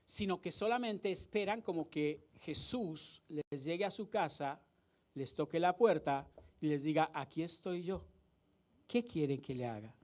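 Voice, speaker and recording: A man preaching a sermon as pastor, acting out scenes and asking rhetorical questions. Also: a little high. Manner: dramatic, acts out the crowd and the blind man's cries, rhetorical questions. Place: church hall.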